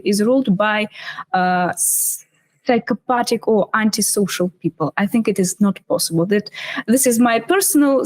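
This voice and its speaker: A woman from Russia with a Russian accent, hosting an interview and asking long, hesitant questions. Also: fairly high pitch. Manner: hesitant, many fillers, laughs often. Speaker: podcast host.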